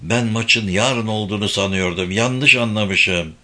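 A man's voice: fairly low pitch, unhurried, pushed and bright. A man reading the part of a flustered male doctor who speaks hesitantly and apologetically. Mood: apologetic.

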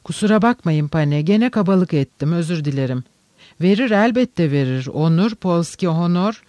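A man voicing a reckless, feverish young male gambler who blusters and shouts. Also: a little high, animated, no echo, lightly acted. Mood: excited. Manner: loud, blustering, quick to shout.

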